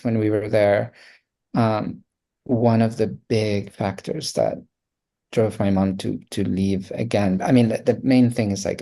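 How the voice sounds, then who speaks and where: Speaking with a Colombian accent, a guest artist in his thirties from Colombia muses reflectively during a relaxed interview, often restarting and using fillers. He has a rather low, warm voice with vocal fry.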